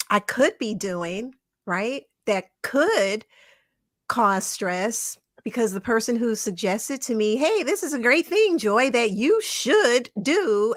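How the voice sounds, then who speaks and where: A woman co-host talking in a chatty, reflective way, often breaking into laughter as she tells a story. Her voice sits a little on the high side. The sound is dry and close. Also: a bit bright, no room sound. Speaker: podcast co-host. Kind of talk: casual conversation.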